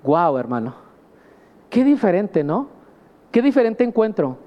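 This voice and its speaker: A man's voice: high voice, sing-song, measured pace, big-room sound, dull audio. A man preaching a sermon, speaking emphatically and often addressing his listeners as brother. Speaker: pastor.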